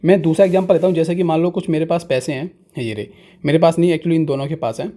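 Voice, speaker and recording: Patient man teaching, mellow voice. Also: fairly high pitch, steady tone. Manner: slow, patient, asks questions and answers them himself. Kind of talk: explaining fractions to students.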